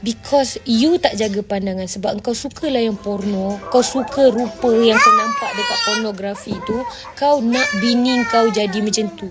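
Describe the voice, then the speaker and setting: A woman with a Malaysian Malay accent hosts a casual livestream, answering viewer comments bluntly and mixing Malay with English while she scolds her audience. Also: on the high side. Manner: blunt and scolding, often asks "faham tak?".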